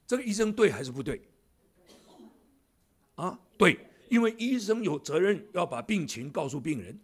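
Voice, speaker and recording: A man's voice: sits high, sing-song, moderate pace, husky. A man in his seventies, a church elder, preaching a sermon in a church with jokey asides to the congregation. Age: 70s.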